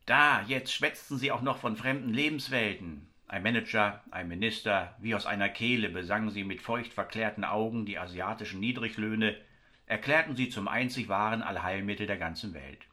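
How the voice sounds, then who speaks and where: Man, story narration, wry, ironic, low voice, bright tone. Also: normal speed.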